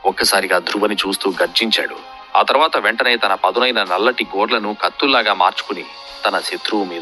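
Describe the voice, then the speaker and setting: A man narrating a fantasy serial in a steady, dramatic storytelling manner. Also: low-pitched.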